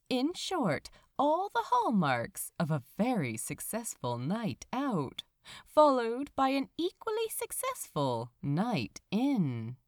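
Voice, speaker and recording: Reading fiction aloud as a podfic narrator, this woman takes a slow, deliberate pace and lets her pitch climb and fall dramatically across each phrase, audiobook-style. There's almost no room in the sound; it's dry with no room noise at all.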